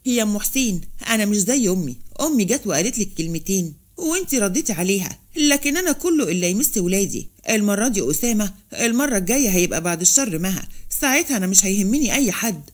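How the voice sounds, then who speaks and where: Middle-aged Egyptian father, firm and protective, gentle advice, a woman reading, quick. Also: medium pitch, animated, close to an everyday voice.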